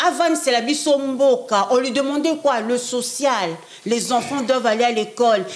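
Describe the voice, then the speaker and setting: In a casual interview conducted in French mixed with Lingala, a young woman from France appears as a prophetess guest. Her voice is a little high and moves at a moderate pace, and she speaks emphatically, repeating phrases for stress.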